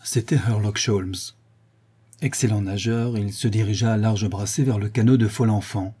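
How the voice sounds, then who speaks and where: Husky, mellow male audiobook narrator. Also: lowish voice, steady tone, normal speed. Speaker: audiobook reader.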